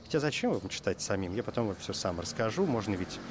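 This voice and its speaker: A man's voice: on the low side, sing-song, fast talker, background noise. A man hosting a radio show, reading a fairy tale and chatting in a playful, ironic way. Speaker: radio host. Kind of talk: storytelling and casual radio talk.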